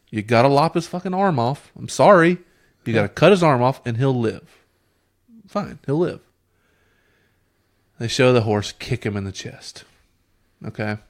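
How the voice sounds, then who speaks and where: A man with a mid-range voice co-hosts a casual podcast. He sounds exasperated and sarcastic, and his ranting swings high in pitch when he complains. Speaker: podcast co-host. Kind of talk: casual review chat.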